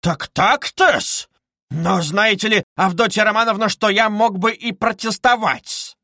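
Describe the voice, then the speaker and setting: A man reading aloud voices a pompous, sarcastic middle-aged gentleman in a stiffly formal manner. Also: fairly high pitch, expressive, moderate pace, no room sound, clean studio sound. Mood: furious. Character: sneering pompous middle-aged male suitor.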